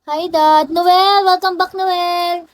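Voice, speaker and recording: A woman's voice: very high-pitched, fairly even intonation, slow, rough recording. A young woman live streaming on her phone, playfully greeting and teasing her viewers by name in casual chat. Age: young adult.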